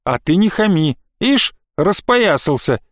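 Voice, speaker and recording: A teasing old woman scolds and mocks in a fairly high voice, as a man puts her on. She nags like a fussy grandmother. The audiobook sound is close and dry. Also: sing-song, unhurried, a bit bright, no echo, exaggerated voice. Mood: scolding. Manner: mocking, scolding. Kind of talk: audiobook character voice.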